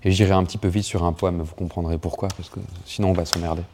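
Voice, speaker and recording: A man, a poet, answering an interviewer bluntly and reading his own poetry aloud in a measured way. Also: low voice, fairly even intonation, noisy background.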